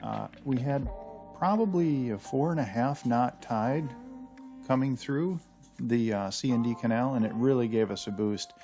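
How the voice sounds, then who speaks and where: A man's voice: mid-range voice, a little slow, dark tone, soft background music. A man narrating his sailing vlog at home, chatty and rambling with plenty of fillers and self-deprecating asides. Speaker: sailing channel host. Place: house full of dogs.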